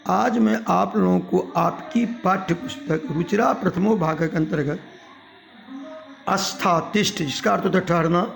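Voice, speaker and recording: A middle-aged man teaching Sanskrit verb forms, reciting each form slowly in turn. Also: sits high, gravelly. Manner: slow, drills verb forms one by one in a recitation. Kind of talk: recorded grammar lesson.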